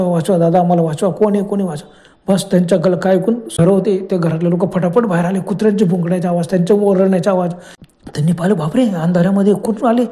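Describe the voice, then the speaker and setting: A man with a Marathi accent tells a horror story in a casual spoken way, dropping to a hush and voicing the characters' frightened cries. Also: sits high. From Maharashtra, India. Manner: dramatic, drops to a hushed tone, voices the characters' cries.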